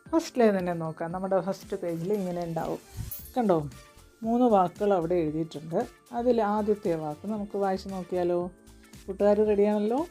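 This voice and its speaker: A woman leads a children's reading lesson in a mellow, warm voice. She sounds each word out slowly, syllable by syllable. Faint music plays behind her. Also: mid-range voice. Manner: slow, syllable-by-syllable spelling. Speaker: teacher.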